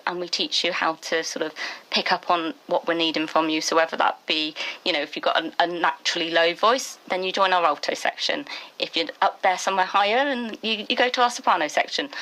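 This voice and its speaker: A woman's voice: lowish voice, pushed and bright, low-quality recording. Upbeat chatty woman choir leader. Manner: chatty and upbeat, quick to laugh. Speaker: choir director. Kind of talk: radio interview guest.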